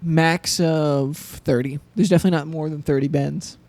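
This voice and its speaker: A man's voice: a little high, steady tone, moderate pace, a little mellow, dry recording. A young man co-hosting a coffee podcast, chatting casually and playfully joking with his co-host. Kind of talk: casual chat.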